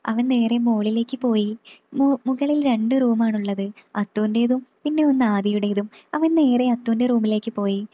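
A woman reading a story aloud in a steady, plain way. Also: fairly high pitch, normal speed, lo-fi sound.

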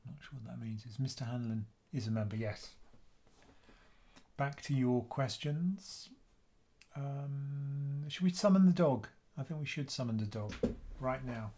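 A soft-spoken British man in his fifties, host of an investing channel, answers viewers' questions on a live Q&A stream from the webcam at his desk. He talks casually and unhurriedly in a mid-range male voice, recorded in a small room at home.

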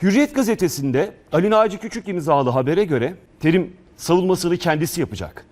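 A man's voice: high voice, expressive, brisk, darkish tone. Male sports news presenter. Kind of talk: live sports news presenting, reading press reports.

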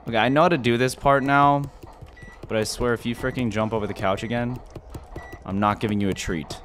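A man's voice: mid-range voice, steady tone, fairly quick, fairly bright tone, a little hiss or hum. A young man giving scared, jumpy horror game commentary as a streamer, exclaiming and muttering to himself. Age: young adult. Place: small indoor room.

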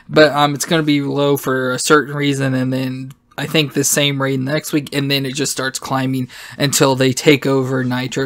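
A man's voice: mid-range voice, a bit bright. A man hosting a podcast, recapping an old wrestling show in a rambling, casual way with many fillers and self-corrections. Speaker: podcast host.

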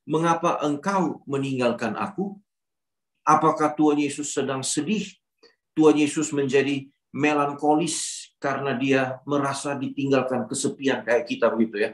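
Man teaching scripture in a roomy space. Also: on the low side. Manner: conversational, asks rhetorical questions. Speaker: youth ministry speaker. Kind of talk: Bible teaching session. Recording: roomy echo.

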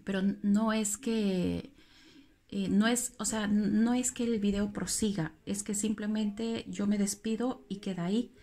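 A woman's voice: mid-range voice, fairly even intonation, unhurried, dark tone. A woman talking casually in a vlog about a craft video she made, rambling and correcting herself as she goes. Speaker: craft vlogger.

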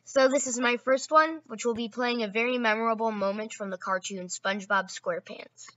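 A woman's voice: on the high side, fairly even intonation, fairly quick, muffled recording. Chatty woman hosting a gaming video. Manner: chatty, corrects herself mid-sentence. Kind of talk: casual tutorial narration.

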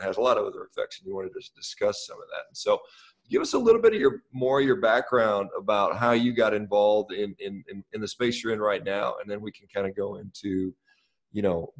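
A middle-aged man co-hosts a podcast over a video call, speaking through a headset. His voice sits low, gravelly and a little husky. He talks haltingly and keeps repeating words. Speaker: podcast co-host. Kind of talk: casual interview talk.

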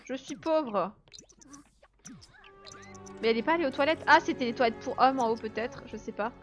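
Brief: woman streamer, bright higher voice, chatty live commentary, faint game music behind. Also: very fast. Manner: chatty, laughs often, reads and answers chat. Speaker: let's play streamer. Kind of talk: casual live gameplay commentary.

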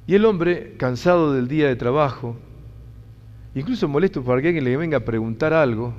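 A man's voice: medium pitch, animated, moderate pace, darkish tone. Rioplatense man, motivational speaker, emphatic, repetitive phrasing, long hall reverb, dull sound. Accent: Rioplatense Spanish. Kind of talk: inspirational talk to an audience.

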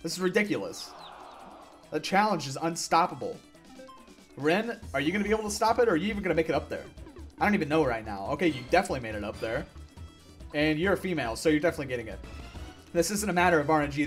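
Ranting young male gamer, raised voice. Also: fairly high pitch. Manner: frustrated ranting, yelling at the game. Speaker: gaming YouTuber. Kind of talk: gameplay commentary.

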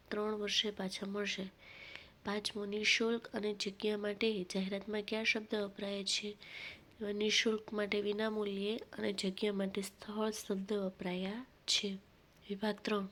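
A woman teacher with a Gujarati accent, reading worksheet questions and their answers in a steady, methodical way. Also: mid-range voice, moderate pace.

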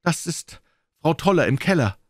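A man's voice: on the high side, very animated, normal speed, no echo, studio quality, voice pushed up. A man voicing an eager, urgent young woman governess in a storybook reading.

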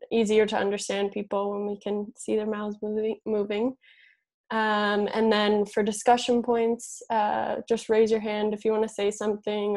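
Young woman organizer, flat slightly raspy delivery, casual fillers, laptop-mic sound. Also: medium pitch. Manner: casual, hesitant, lots of fillers and small laughs. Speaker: event organizer at an exhibition space. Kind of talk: housekeeping introduction on a video call. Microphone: laptop mic on a video call.

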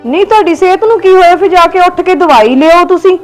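A woman's voice: very high voice, quick pace, faint music behind, rough recording. A young woman with a Punjabi accent, playing a pushy, curt younger daughter-in-law in a family skit. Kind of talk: scripted family drama acting.

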